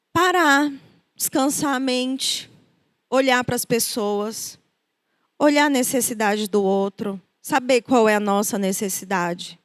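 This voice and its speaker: High-voiced Brazilian woman preaching warmly. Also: no room sound, clean studio sound. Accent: Brazilian Portuguese. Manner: conversational, acts out quoted voices. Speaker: preacher and counselor. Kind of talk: sermon.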